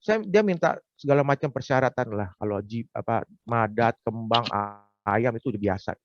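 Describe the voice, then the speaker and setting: A man's voice: medium pitch, normal speed, no room sound. Frank man giving a personal testimony. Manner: frank, confessional storytelling. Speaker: testimony speaker. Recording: dull, dry lo-fi recording.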